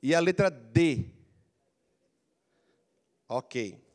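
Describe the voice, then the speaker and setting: Brazilian male coach, middle-aged, high-pitched and animated, handheld mic, lecture to a big hall. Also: drawn-out words. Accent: Brazilian Portuguese. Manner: animated, prompts audience to repeat phrases. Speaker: career coaching speaker. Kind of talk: lively motivational lecture. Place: large council auditorium. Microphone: handheld mic, walking the floor.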